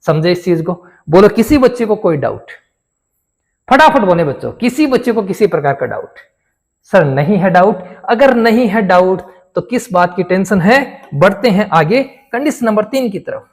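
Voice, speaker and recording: A man's voice: sits high, sing-song, moderate pace. A man teaching a school maths lesson, asking his pupils questions, answering them himself and repeating each key answer. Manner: addresses pupils warmly as children.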